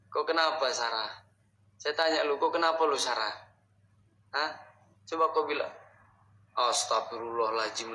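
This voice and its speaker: Slow-talking man muttering prayers in an echo. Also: medium pitch, bright, forceful tone. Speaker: vlog host exploring a haunted spot. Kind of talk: ghost-hunting explore vlog. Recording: echoey space with faint background noise.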